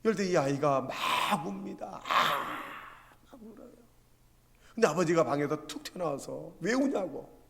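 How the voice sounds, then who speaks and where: A man's voice: on the high side, animated, normal speed, creaky, fairly bright tone. A male pastor preaching a sermon, telling stories and asking the congregation rhetorical questions. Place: church sanctuary. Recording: long church reverb.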